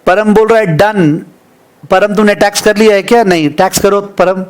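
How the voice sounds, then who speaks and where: A high-pitched male teacher with an Indian English accent leads a live online finance class. He reads out figures slowly and repeats them for dictation. Between numbers he teases his students by name. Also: clear, resonant tone.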